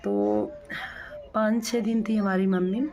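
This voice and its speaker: A woman's voice: mid-range voice, very animated, slow, dark tone. Woman telling a family grievance casually. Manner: plain, repetitive retelling with many restarts. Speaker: vlogger. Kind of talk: casual storytelling to viewers.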